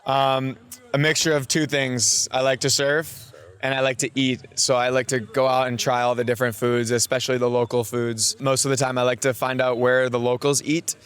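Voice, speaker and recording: A man's voice: medium pitch, little pitch movement, normal speed, a bit bright, clear, resonant tone. A man with an American accent, talking easygoing and enthusiastic as a tourist in a street interview. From Maine, USA. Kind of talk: casual street interview chat.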